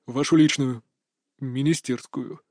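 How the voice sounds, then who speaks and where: A man's voice: mid-range voice, steady tone, measured pace, darkish tone, no room sound, studio quality, lightly acted. A man voicing a timid, frightened male servant who mumbles in a subdued tone. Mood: fearful.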